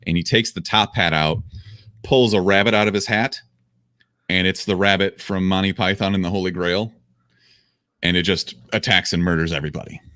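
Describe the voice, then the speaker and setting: Deep-voiced man riffing on a podcast. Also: steady tone, normal speed, bright, forceful tone, dry recording, clean studio sound. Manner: riffing, sarcastic, profane. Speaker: podcast co-host. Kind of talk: casual comedic podcast chat.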